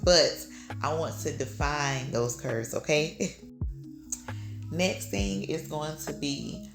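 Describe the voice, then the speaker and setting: A woman in her thirties chats through her personal goals in a relaxed, filler-heavy way. Her voice sits in a roomy, echoey space. Music plays clearly behind her. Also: rumbling low. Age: 30s. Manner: chatty, filler-heavy, upbeat with laughs. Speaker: vlogger. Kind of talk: casual personal chat.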